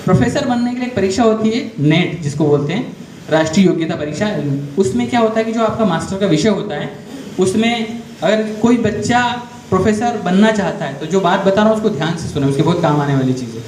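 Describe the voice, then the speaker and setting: Brisk and expressive, a man with a high-pitched, a little mellow voice guides school students through a motivational career talk. He draws the class in with frequent direct questions, tells stories, and explains step by step. The recording has echo and faint background noise.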